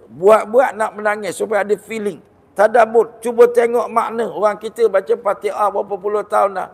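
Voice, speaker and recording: A man with a Malaysian Malay accent giving a Ramadan sermon, lively and storytelling, with jokes and rhetorical questions. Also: high voice. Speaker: religious teacher giving a Ramadan talk. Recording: long hall reverb.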